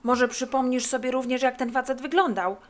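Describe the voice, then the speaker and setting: A woman performs the voice of an eager, bossy boy detective who asks questions insistently. She pitches it high, above her own voice but close to an everyday sound, with fairly even intonation at a moderate pace.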